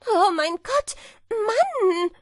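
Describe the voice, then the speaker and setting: A shrill, frantic hedgehog wife from a fairy-tale audiobook, as a woman puts her on. The voice is very high and leaps wildly up and down as she shrieks. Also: very animated, very slow, no echo, studio quality, heavily acted. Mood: alarmed. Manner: shrieking, alarmed.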